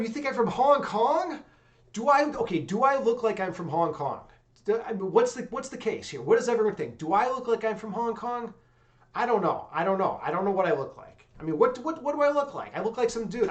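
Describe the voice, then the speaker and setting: A high-pitched young man hosts a livestream, chatting casually with viewers in a loose, excitable way. He swears freely and keeps dropping "dude" and "man."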